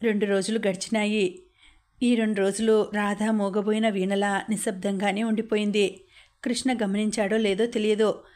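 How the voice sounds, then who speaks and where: Woman audiobook narrator: steady, measured, monotone. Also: medium pitch. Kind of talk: novel read-aloud narration.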